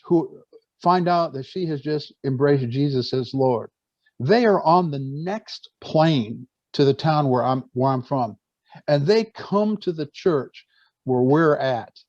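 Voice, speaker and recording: Guy preaching, kinda high voice but mellow, dull lo-fi sound, keeps restarting his words. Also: no echo. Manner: earnest, stumbling restarts, storytelling. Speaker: speaker on church life. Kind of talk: preaching talk to a gathering.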